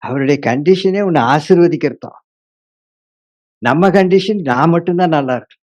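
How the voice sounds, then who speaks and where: A male pastor preaching a sermon, acting out his congregation's complaints in a lively way. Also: on the high side, moderate pace.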